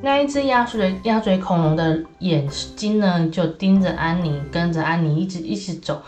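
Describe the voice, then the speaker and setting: A woman reading a children's story aloud, lively and animated, with many little fillers. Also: fairly low pitch, normal speed. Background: soft background music.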